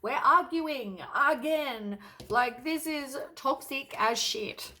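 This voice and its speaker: A woman's voice: sits high, slow pace, sharp tone. A woman doing a casual tarot reading to camera, blunt and exasperated, with lots of sighs and casual swearing. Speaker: tarot reader.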